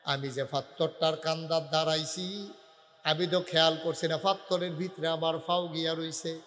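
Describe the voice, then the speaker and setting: A tearful young wife explains herself slowly and softly, voiced by a man in the middle of a sermon. The voice is high and bright. It rings out with a long hall reverb. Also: flat delivery, soft background music, lightly acted. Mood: tender, pleading. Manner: slow, soft, pleading retelling. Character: grieving young wife explaining her tears.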